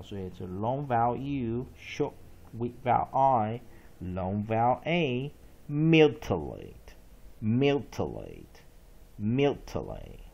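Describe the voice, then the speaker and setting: A man with a gravelly, husky voice teaches spelling. He talks slowly and draws words out, and his pitch moves a lot as he repeats them. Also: dark tone. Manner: slow, drawn-out repetition of words and letters. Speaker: English teacher. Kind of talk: spelling and pronunciation lesson.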